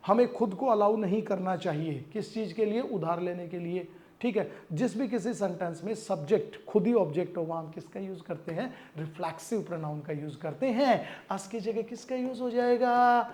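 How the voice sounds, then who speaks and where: A male teacher giving an exam-prep English grammar lesson, explaining in Hindi, reading English sentences slowly and asking his students questions. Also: sits high, a little mellow.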